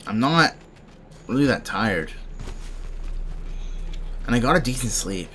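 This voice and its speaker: A man's voice: medium pitch, animated, measured pace, a bit bright, slight background noise. A young man rambling casually and a bit drowsily while commenting on his own gameplay. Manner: rambling, drowsy, thinking aloud. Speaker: game streamer.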